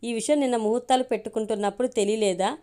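An exasperated young man keeps questioning his friend in a storybook reading, voiced by a woman. The voice sits a little high and stays close to the reader's own. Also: fairly even intonation, very fast, mellow, natural voice.

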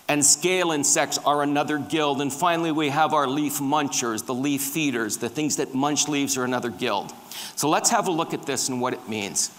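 A man's voice: on the high side, fairly bright tone. Man, middle-aged, conference lecture, asks the audience questions, long hall reverb. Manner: engaging, quizzes the audience. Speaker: conference speaker on tree pests. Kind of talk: lecture with slides. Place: large dark conference hall with a stage.

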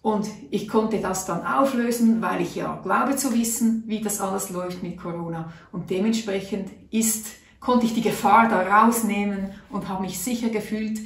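A natural health vlogger, a middle-aged woman from Switzerland, sits at a table in a small room and earnestly chats through a personal story to camera, dramatizing her own thoughts. She talks at normal speed with a creaky, medium-pitched voice and hardly any pauses, recorded from a distance with a roomy off-mic tone.

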